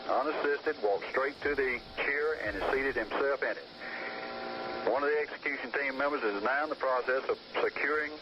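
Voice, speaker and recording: An old archival recording of a man speaking as a prison official, giving a steady, methodical play-by-play. His voice is plain and mid-pitched, with a matter-of-fact tone. Constant noise sits under him on the tape. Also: muffled recording. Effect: old archival audio recording. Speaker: prison official relaying an execution. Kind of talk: procedural live report.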